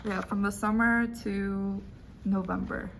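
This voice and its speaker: Soft-spoken young woman from Argentina. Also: mid-range voice, steady tone, unhurried, vocal fry, slight background noise. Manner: soft-spoken, hesitant with fillers. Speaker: art student. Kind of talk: casual interview answers. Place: classroom.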